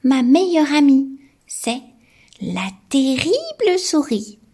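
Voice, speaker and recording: A woman voicing a tiny, cute, cunning mouse with a small squeaky voice, reading a storybook to a toddler. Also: big pitch swings, takes it slowly, dark tone, exaggerated voice. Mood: pleading, sly.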